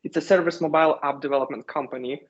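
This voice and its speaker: Ukrainian-accented man, fairly high voice. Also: steady tone. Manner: measured, with frequent hesitations. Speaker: company founder, guest. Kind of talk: interview answers. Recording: dull lo-fi sound.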